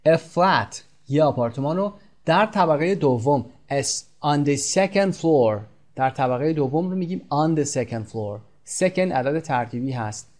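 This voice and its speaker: Male English teacher, vocabulary lesson; slow, careful readings of example phrases, brisk explanations in between. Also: medium pitch, a little mellow. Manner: reads English phrases slowly, explains quickly in Persian.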